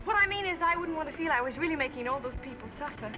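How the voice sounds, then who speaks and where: A woman's voice: sits high, animated, very fast. An American actress playing a naive, wistful small-town young woman in 1930s screwball comedy film banter, speaking earnestly. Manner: earnest, ingenuous. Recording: dull 1930s film soundtrack, loud music behind.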